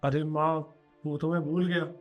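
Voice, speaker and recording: A fairly high-voiced young husband pleads and defends himself against his scolding mother, as a man acts him out. Soft music sits quietly behind him. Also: flat delivery, moderate pace, lo-fi sound, close to an everyday voice. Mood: defensive. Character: young working husband, short-tempered then apologetic. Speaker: son and husband. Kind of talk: short family drama acting.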